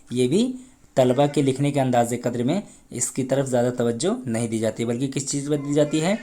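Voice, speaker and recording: A man's voice: medium pitch, warm tone. A man teaching an exam preparation lesson, reading out questions and options and explaining each answer step by step, often repeating and glossing terms.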